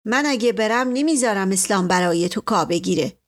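A woman's voice: mid-range voice, lively intonation, close to an everyday voice. A woman voicing an eager, cocky young village man.

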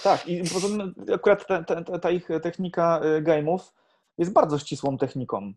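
A man who teaches improv, talking in a casual podcast chat, animated, swearing now and then and restarting his sentences. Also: a little high, normal speed, slight background noise.

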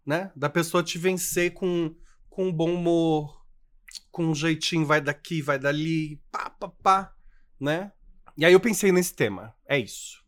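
A man's voice: a little high, measured pace. A man with a Brazilian Portuguese accent co-hosting a podcast in casual, playful chat, teasing his co-host.

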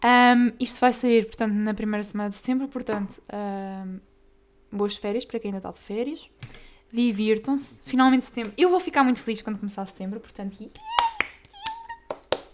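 A young woman with a European Portuguese accent, hosting a casual solo podcast, talking fast and tripping over tongue twisters. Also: medium pitch, darkish tone, slight background noise. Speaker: podcast host.

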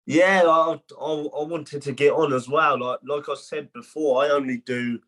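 A man, a boxer talking as a podcast guest in a halting way full of restarts. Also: fairly high pitch, fairly even intonation, fairly bright tone. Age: 20s. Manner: halting, many restarts and fillers. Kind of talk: casual podcast chat.

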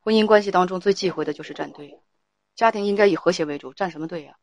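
A woman's voice: on the low side, quick pace. A woman hosting a live call-in advice stream, firmly steering and judging a caller's family quarrel. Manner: firm, talks over the caller to steer her. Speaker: livestream advice host.

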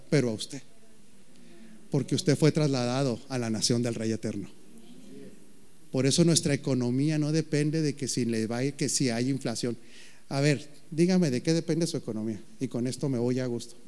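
A man preaching a sermon, joking with the congregation and calling out questions, with slow, emphatic phrasing. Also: medium pitch, dark tone. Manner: playful, jokes with the congregation, calls out questions. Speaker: pastor.

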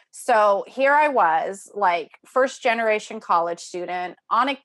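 A woman's voice: medium pitch, a bit bright. A woman in her thirties speaking in a reflective, earnest way in a casual conversation. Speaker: doctoral student.

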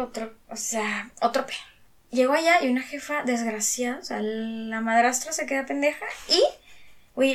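A woman's voice: on the high side, a bit bright. A young woman with a Mexican Spanish accent telling a personal story in a casual chat. She talks in slang, swears freely and acts out what people said. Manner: slangy and profane, quick to swear.

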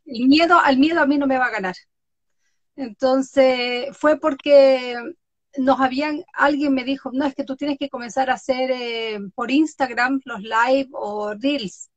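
A high-voiced woman talks casually about the interviews she runs online. She acts out the people she quotes and laughs as she tells stories. The sound is dry and close. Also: fairly even intonation, a little slow, no echo, dull audio. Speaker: interviewer on social media. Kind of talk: casual conversation.

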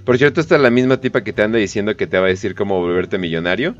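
A man's voice: lowish voice, racing. A man with a Mexican accent hosting a podcast, giving slangy, profane, joking commentary on the news with lots of fillers. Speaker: podcast host. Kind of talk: casual comedic news commentary. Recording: dull lo-fi podcast audio, faint music.

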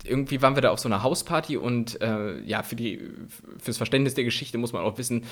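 A young man co-hosts a podcast, telling rambling anecdotes in casual, slangy, colloquial language. His mid-range voice is a bit bright, and he talks fast.

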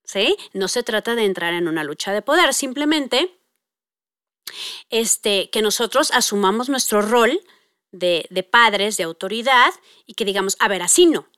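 A woman's voice: mid-range voice, lively intonation, a little slow, sharp tone, clean tone, no echo, clean studio sound. A middle-aged woman talks casually about parenting, with many fillers, and acts out quoted dialogue. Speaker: parenting speaker. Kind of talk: conversational talk on parenting.

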